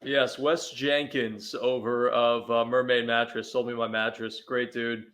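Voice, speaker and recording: A man's voice: mid-range voice, flat delivery, unhurried, a bit bright. A man chatting as a guest on a sports talk show, telling easygoing stories with frequent restarts. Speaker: sports radio host, guest. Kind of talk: casual chat.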